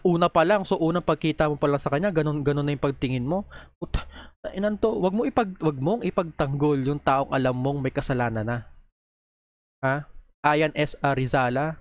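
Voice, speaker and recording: Talking straight into a nearby microphone, this man delivers an angry, foul-mouthed tirade while reacting to posts on video. His pitch is medium and the audio has no echo.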